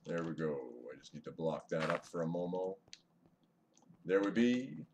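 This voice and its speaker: A deep-voiced man chats casually while gaming on a live stream, expressive and at a moderate pace, greeting viewers and muttering over the gameplay. His webcam mic sits away from his mouth and adds a faint hiss.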